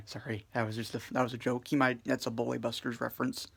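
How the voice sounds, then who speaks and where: A man giving a casual music review in a subdued, flat way, full of hesitations and fillers. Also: medium pitch, fast, vocal fry, slightly rough. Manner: hesitant, many fillers and restarts.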